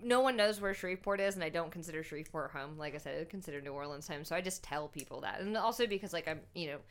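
A woman's voice: low voice, lively intonation, fast. A woman in her thirties from Louisiana, a guest chatting casually, laughing often and swearing. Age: 30s. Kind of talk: casual chat.

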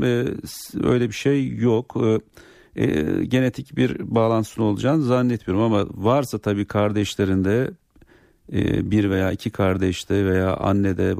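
A man's voice: lowish voice, vocal fry, darkish tone, no echo, studio quality. A man speaking as a doctor, explaining medical advice to callers on a radio show. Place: radio studio.

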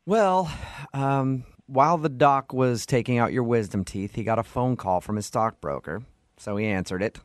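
Keeping a straight face on a prank call, this radio host pretends not to understand while holding back laughs. His mid-range voice moves at a moderate pace, recorded cleanly in a studio with no echo.

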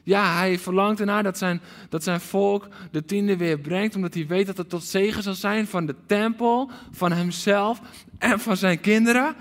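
A man preaching a livestreamed sermon with passion, moving from loud pleading calls to hushed, almost whispered lines. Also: high voice, moderate pace. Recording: long hall reverb.

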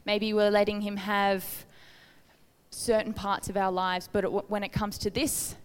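Woman giving a chatty earnest sermon, average pitch, big hall with long reverb tail. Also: little pitch movement, a little slow, clear, resonant tone. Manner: conversational, earnest, asks the listeners questions. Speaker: preacher. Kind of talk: informal sermon with Bible reading.

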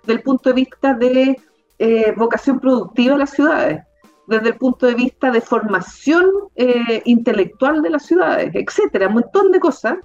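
Animated Chilean woman, higher voice. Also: normal speed, lo-fi sound, faint music behind. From southern Chile. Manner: animated, emphatic, frequent fillers. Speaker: university rector. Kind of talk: conversational interview.

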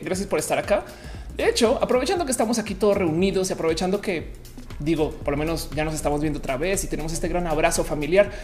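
A woman hosting a casual livestream in a rambling, playful way, her diction slowed as she recovers from having her wisdom teeth out. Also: low voice, a little mellow. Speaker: livestream show host. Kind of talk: casual livestream chat to viewers.

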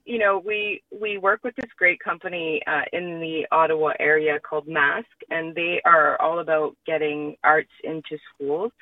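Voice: mid-range voice, dry recording. A middle-aged musician chatting casually as a guest in a radio interview. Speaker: musician guest in a band duo. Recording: distant phone-like radio call.

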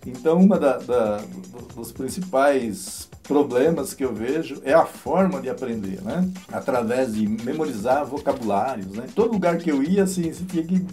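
A Brazilian man in his fifties, a father, telling a story in a lively, casual chat and often tagging his sentences with a quick question. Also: mid-range voice, soft background music. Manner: lively storyteller, frequent "né?", laughs as he tells.

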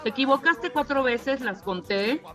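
A woman's voice: sits high, lively intonation, normal speed, fairly bright tone, soft background music. A woman, a radio co-host reading humorous rhyming verses in a playful, teasing way.

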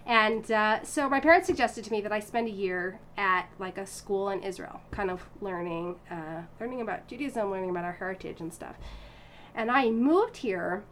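A woman in her thirties from the United States, a violinist, recounts her story as an interview guest in a relaxed, animated way, often restarting, using fillers and laughing. She speaks at a moderate pace in a medium-pitched voice, with a little hiss or hum in the recording.

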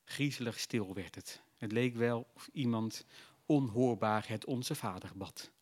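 A man narrating a literary novel in a measured, reflective storytelling voice. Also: mid-range voice.

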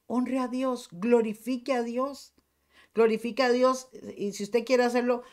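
A middle-aged woman pastor with a Costa Rican accent, preaching a fervent sermon to her congregation. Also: on the high side. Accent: Costa Rican Spanish. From Costa Rica.

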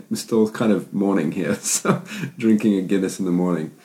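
A Zimbabwean man co-hosts a podcast in a deep voice. His delivery is informal and conversational, as in an everyday chat. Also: moderate pace, a little mellow. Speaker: podcast co-host.

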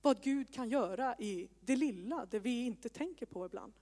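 A woman's voice: fairly high pitch, expressive, warm tone. A woman in her thirties preaching a sermon with personal testimony, in a conversational way with self-mocking asides. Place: church hall with congregation. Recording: long hall reverb.

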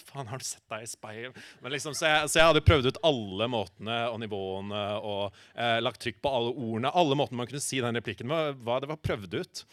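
A man telling a humorous personal anecdote in a halting, animated way, full of filler sounds and acted-out quotes. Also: mid-range voice, no room sound, studio quality. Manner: acts out quoted lines in shifting voices.

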